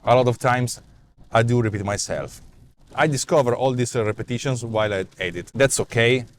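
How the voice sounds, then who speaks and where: Sitting in a parked car in daytime, an Italian vlog host and app developer in his forties rants off the cuff about his app ideas, animated and gesturing a lot, with many fillers and repeated words. His medium-pitched voice is brisk and accented, picked up by a clip-on lapel mic with a little hiss or hum.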